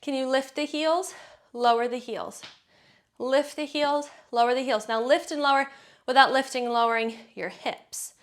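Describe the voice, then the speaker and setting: Breathy, encouraging female workout instructor. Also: high-pitched, fairly even intonation, moderate pace. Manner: encouraging, counts reps and cues breathing. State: slightly out of breath from exercising. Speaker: fitness instructor.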